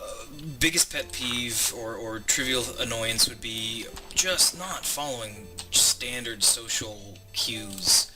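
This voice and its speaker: With music playing in the background and the mic far away, a man in his twenties hosts a Let's Play from a home room with a squeaky chair. He talks slowly at a medium pitch, with hardly any pauses. Rambling through a joke, he stops mid-sentence to count aloud.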